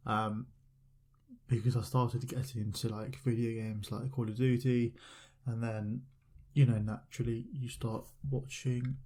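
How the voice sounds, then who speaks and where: A man's voice: mid-range voice, mellow. A young man hosting a podcast, rambling casually with lots of fillers as he talks. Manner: rambling, filler-heavy, loose storytelling. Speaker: podcast host. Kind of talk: casual solo podcast chat.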